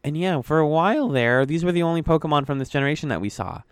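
Chatty man with a smooth voice. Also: on the high side, fast, no echo, studio quality. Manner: chatty, playful, trails off with fillers. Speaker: podcast co-host. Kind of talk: casual podcast chat.

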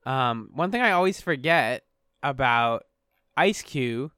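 A man in casual podcast chat, reading entries aloud and cracking jokes. His voice is smooth and resonant at a middling pitch. The sound is dry and close to the mic. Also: expressive, slow, pushed and bright, dry recording. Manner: reads entries aloud, jokey and laughing. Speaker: podcast co-host.

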